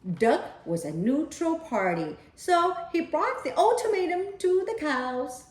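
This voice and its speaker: A woman reading a children's picture book aloud in an expressive, deliberate storytelling style. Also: high-pitched, slight background noise. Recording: echoey room.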